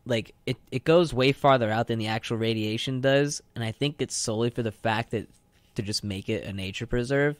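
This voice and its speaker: In a radio studio, a young adult male co-host rambles through casual chat, peppering nearly every line with "like." He speaks briskly in a mid-range voice, captured in a dry recording.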